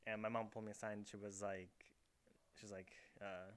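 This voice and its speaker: Recorded by a camera in his bedroom, a young podcast host speaks briskly in a fairly low voice with little pitch movement. His casual chat wanders through stories crammed with fillers.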